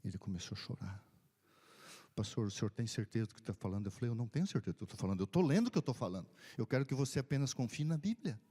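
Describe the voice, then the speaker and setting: A man's voice: mid-range voice, expressive, racing, mellow, slightly rough. A man, a pastor, telling a deathbed story in a sermon, acting out the dialogue and dropping to a whisper at times. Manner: retells dialogue, drops to whispers and rises in bursts.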